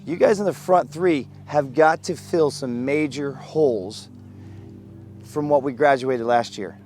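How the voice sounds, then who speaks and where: A man's voice: medium pitch, a little slow, a little mellow, faint music behind. A man, a soccer coach, giving his players a blunt, critical team talk.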